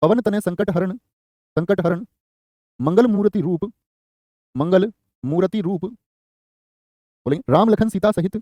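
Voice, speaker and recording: In a live online exam-prep class, a man dictates key phrases quickly and repeatedly, responding to students by name. He has a high-pitched, mellow voice, recorded dry with clean studio sound.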